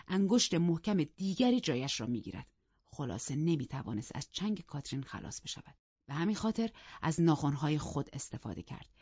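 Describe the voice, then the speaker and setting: A woman reading a novel aloud as an audiobook narrator, measured and expressive. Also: low-pitched, no echo, highs cut off.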